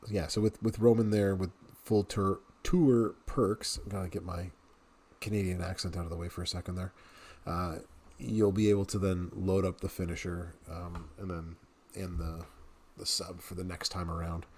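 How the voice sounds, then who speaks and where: A man's voice: deep voice, little pitch movement, normal speed, darkish tone, breathy edge. A man in his thirties, a game streamer, chatting casually to viewers and laughing often as he plays. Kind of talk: casual gameplay commentary.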